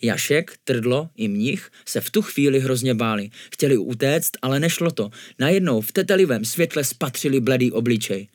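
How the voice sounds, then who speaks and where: A man narrating a children's spooky story in a calm, even storytelling manner. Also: medium pitch, hardly any pauses, no room sound, studio quality.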